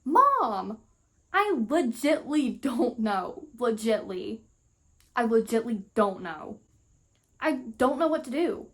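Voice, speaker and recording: A frightened teenage girl, pleading and anxious, her voice pitched high and pushed a little loud, as a woman reads her part aloud. She sounds alone and close to tears. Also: very animated, slow, full character voice. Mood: scared.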